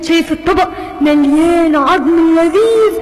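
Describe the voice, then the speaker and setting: A woman voicing a friendly male dog in a lower, bluff voice, with an Egyptian accent. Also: moderate pace, soft background music. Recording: echoey, voice set back.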